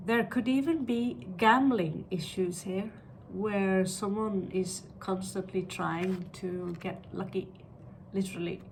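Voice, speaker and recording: Woman doing a fortune teller tarot reading, talks slow w lots of pauses, some noise behind her. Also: medium pitch. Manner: fortune-teller way of pronouncing on what the cards show; halting, pausing between short phrases. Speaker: tarot card reader. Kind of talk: unscripted tarot and astrology reading.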